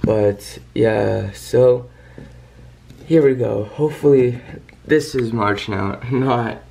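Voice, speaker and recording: A man's voice: mid-range voice, takes it slowly, vocal fry, a little mellow, a little hiss or hum. A young man chats casually to his vlog camera, rambling and hesitant with lots of "like", sounding slightly under the weather with a cold. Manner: rambling, hesitant, peppers talk with "like". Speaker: vlogger. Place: small bedroom at home, indoors. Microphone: handheld camera at arm's length.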